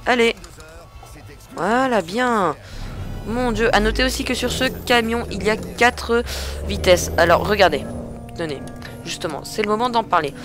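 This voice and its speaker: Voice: medium pitch, normal speed, music in the background. A gamer giving casual, chatty commentary over a truck-driving game, often hesitating and grumbling at other drivers, into a headset mic. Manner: chatty, hesitant, lots of filler sounds. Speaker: truck-simulator gameplay commentator.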